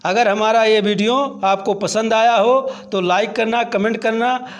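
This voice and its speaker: Slow, high-voiced male teacher. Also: fairly even intonation. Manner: slow, deliberate word-by-word glossing. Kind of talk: word-by-word translation lesson.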